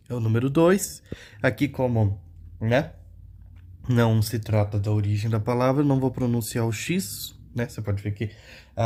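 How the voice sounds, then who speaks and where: A man's voice: medium pitch, warm tone. A young man giving a casual pronunciation lesson, explaining step by step and often checking in with his listeners. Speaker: language teacher.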